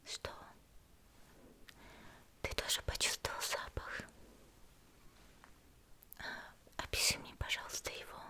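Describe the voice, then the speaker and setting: In an ASMR roleplay, a woman whispers close to the microphone as a gentle, composed young demon slayer healer. She's slow, soothing and politely teasing, with a calm, confiding mood.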